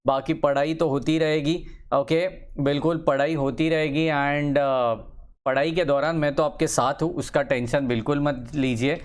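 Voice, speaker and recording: A young man teaching engineering maths in a casual lecture, encouraging his students, repeating phrases and drawing words out slowly as he writes. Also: on the high side, fairly even intonation, clear, resonant tone. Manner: encouraging, chatty asides to students. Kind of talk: casual Hindi-English lecture.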